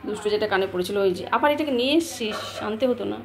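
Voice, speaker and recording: A woman's voice: mid-range voice, lively intonation, rapid-fire, crowd noise. A woman in her thirties with a Bengali accent, chatting casually in a home vlog, rambling and coaxing her child while she cooks. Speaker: vlogger, mother. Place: home kitchen.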